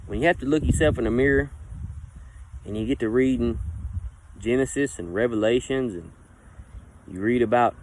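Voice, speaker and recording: A man's voice: mid-range voice, slight background noise. A man speaking as a fervent new convert, giving a rambling, earnest and emphatic personal testimony in informal vernacular, often voicing imagined dialogue and answering his own questions. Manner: acts out imagined dialogue and asks himself questions.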